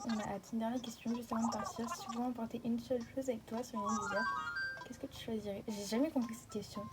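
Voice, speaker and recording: A young woman talking fast and casually in slangy chat while commenting on her gameplay. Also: on the high side, poor audio. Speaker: gaming video creator.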